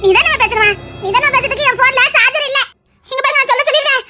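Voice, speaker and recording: A fed-up young woman from a TV serial, speaking with a Tirunelveli Tamil accent. Her voice sits very high and sounds bright and sharp. She complains in a rushed, anxious way. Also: faint music behind, full character voice. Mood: hurried. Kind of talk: TV serial acting.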